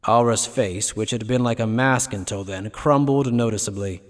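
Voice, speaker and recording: A man's voice: on the low side, steady tone, moderate pace. A man reading scripted story narration for an anime fan dub. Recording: long reverberant hall effect.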